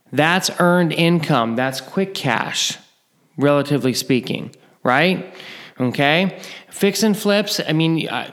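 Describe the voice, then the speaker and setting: A middle-aged man teaching real estate investing in a casual talk, repeating points and checking in with "right?" and "okay?". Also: fairly high pitch. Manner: repetitive, checks in with "right?" and "okay?", chuckles often. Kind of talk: informal teaching monologue.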